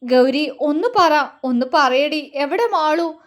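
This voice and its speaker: A woman's voice: high-pitched, expressive, slow pace. A woman narrator voicing a desperate, hot-tempered young man in a spoken story. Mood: pleading. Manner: pleading then angry outbursts.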